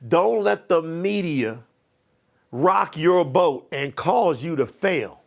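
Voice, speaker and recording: A man's voice: on the high side, expressive, slow pace, creaky. A man giving an emphatic, preachy motivational training talk as a life coach.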